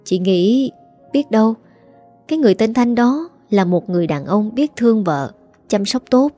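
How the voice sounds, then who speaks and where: A woman voicing a gentle, resigned unmarried daughter who speaks softly. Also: a little high, lively intonation, normal speed, faint music behind. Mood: subdued. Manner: soft, subdued.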